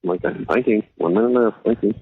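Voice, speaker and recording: A man talking over a jail payphone call line, halting and reassuring as he speaks with a jailed relative. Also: fairly low pitch, a loud crowd. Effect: heard over a jail payphone call line. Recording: tinny phone line with faint hiss.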